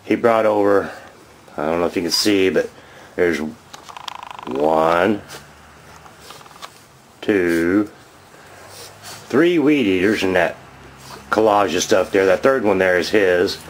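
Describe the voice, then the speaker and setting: A man in his fifties giving a rambling, chatty show-and-tell vlog outdoors by his garage, filming on a handheld camera and getting excited over his finds. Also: low-pitched, takes it slowly, pauses often, slight background noise, poor audio. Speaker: vlogger.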